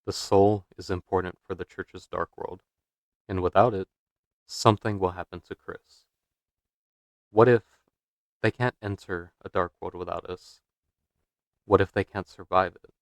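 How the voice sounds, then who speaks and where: A low-voiced man reads a scripted video essay, measured and dramatic, leaning into rhetorical questions. The sound is dry and close, with no room around it. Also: steady tone, no room sound. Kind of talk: scripted narration.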